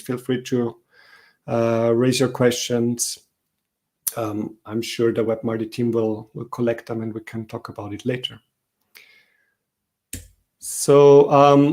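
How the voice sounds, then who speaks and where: A man from Austria giving a talk at an online meetup, relaxed and speaking with frequent ums and uhs, over a video call. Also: mid-range voice. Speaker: conference speaker.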